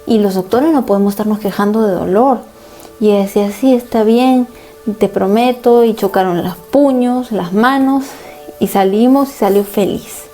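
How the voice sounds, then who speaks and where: A woman pastor delivers a sermon as a personal testimony, recounting events earnestly and in storytelling fashion. Her voice is mellow and warm, sitting at a middle pitch, with soft music playing faintly behind her. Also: normal speed.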